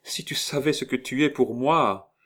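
A man's voice: medium pitch, normal speed, a bit bright, pitched above the performer's own voice, lightly acted. A man voicing a distraught aristocratic mother, a countess, pleading in a raised voice in an audiobook reading. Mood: desperate. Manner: pleading, distraught, tearful outbursts. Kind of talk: audiobook reading of a classic novel.

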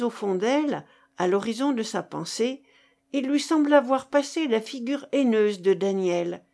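A woman narrating a classic novel aloud in a measured, expressive reading. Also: on the high side. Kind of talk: audiobook reading of classic fiction.

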